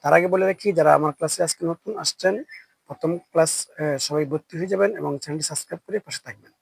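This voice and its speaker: A man's voice: a little high, fast talker, vocal fry, breathy edge, dry recording, rough recording. A man with a Bangladeshi Bengali accent teaching Quran reading. He draws out each letter name for his students to repeat. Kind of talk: recitation lesson with call-and-repeat.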